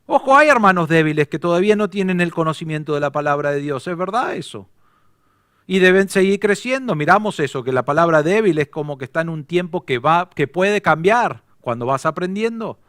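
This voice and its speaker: A man with an Argentine accent preaching a sermon as pastor, emphatic and quick to throw rhetorical questions at the congregation. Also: a little high, lively intonation, fairly bright tone, no echo, studio quality. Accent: Argentine Spanish.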